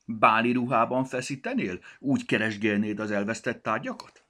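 A man voicing a cheeky male talking coat button in a children's storybook, teasing and quick to take offense. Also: mid-range voice, fairly bright tone, pitched above the performer's own voice, lightly acted. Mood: huffy. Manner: teasing, touchy.

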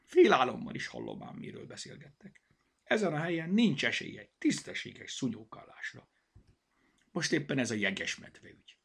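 A man voicing an excitable know-it-all toy rabbit in a children's storybook, with a high, squeaky voice. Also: gravelly, husky, heavily acted. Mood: eager.

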